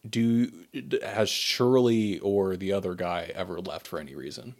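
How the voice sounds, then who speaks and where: A man's voice: sits low, normal speed, darkish tone. A man playing a tabletop game, asking questions and restarting his sentences. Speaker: player. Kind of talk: casual tabletop game chat.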